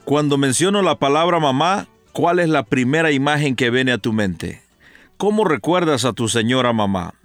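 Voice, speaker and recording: A man hosting a radio interview, asking gentle, probing questions and affirming his guest with short interjections. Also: mid-range voice, expressive, moderate pace, no echo, soft background music. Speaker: radio host.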